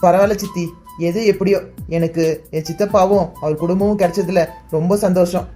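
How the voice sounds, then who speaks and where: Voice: medium pitch, fairly even intonation, a little fast, mellow, soft background music, natural voice. A voice actor playing an earnest, caring young man in a cartoon, reassuring and blunt. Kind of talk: cartoon voice acting.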